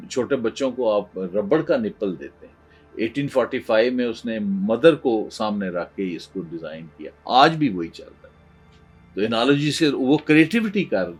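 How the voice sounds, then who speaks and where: Husky guy lecturing, swoops up and down a lot, soft music under it. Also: medium pitch. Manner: animated storytelling with frequent fillers and restarts. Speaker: professor. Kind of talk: lecture on creativity. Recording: faint background music.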